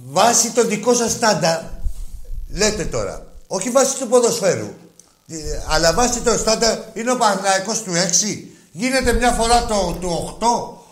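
A man's voice: sits high, expressive. Mocking male sports radio host, roomy sound. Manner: crude, mocking, raises voice. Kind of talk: casual heated call-in banter.

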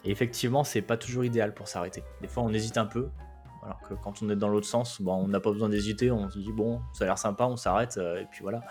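A man with a lowish voice tells a road-trip story in a loose, conversational way, often pausing on fillers. Soft music plays faintly behind him. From France. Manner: relaxed, chatty, many hesitations. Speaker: travel guest. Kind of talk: casual travel storytelling.

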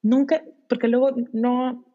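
A woman, a guest on an interview podcast, talking in an animated way and acting out parent-child dialogues. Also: fairly high pitch, unhurried. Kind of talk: conversational interview. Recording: dull lo-fi sound.

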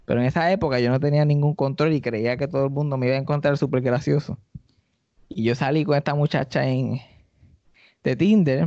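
With a touch of vocal fry, this man, a stand-up comedian and podcast host with a Puerto Rican accent, spins a casual comic tale and voices its characters in high tones. It's an animated delivery, captured in dry, somewhat dull podcast sound.

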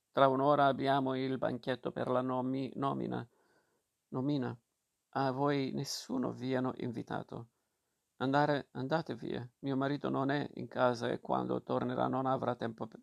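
A man reading aloud and voicing a shrill, insolent older woman who scolds loudly. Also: level tone, moderate pace, vocal fry, lo-fi sound. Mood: scolding. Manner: loud and scolding.

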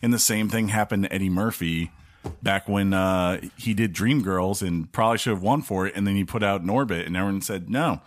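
Low-voiced man rambling on a podcast. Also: a little fast. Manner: loose, rambling with many "like" fillers. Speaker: podcast co-host. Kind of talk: casual podcast banter.

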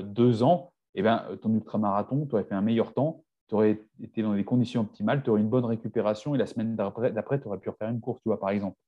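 A fitness coach in his forties appears as a guest on a casual podcast, speaking hesitantly with lots of fillers and frequent restarts of his sentences. His voice is lowish, and the sound is lo-fi.

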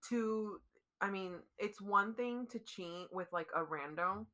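A young woman in lively casual conversation who gets worked up and stumbles into restarts. Her voice is bright and forward at a middle pitch. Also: slow, rough recording. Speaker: podcast co-host. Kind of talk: casual chat.

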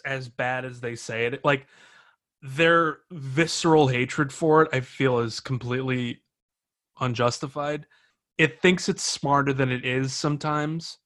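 A man's voice: mid-range voice, fairly bright tone. Laid-back man swearing through a movie chat. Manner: profane, laughs often, halting restarts. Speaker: podcast co-host. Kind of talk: casual movie review chat.

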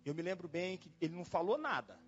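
A pastor preaching in a church, telling a personal story in a dramatic way, exclaiming and repeating himself. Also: male voice, sits high, big pitch swings, quick pace. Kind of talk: storytelling sermon. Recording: dull lo-fi sound with faint music.

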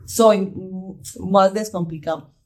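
A woman from Colombia with a Paisa accent, in her thirties, chatting casually as a podcast guest and lively acting out quotes. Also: medium pitch, slow. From Colombia, Pereira. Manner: animated, acts out her child's voice in quotes. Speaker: guest, mother and entrepreneur. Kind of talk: casual conversational chat.

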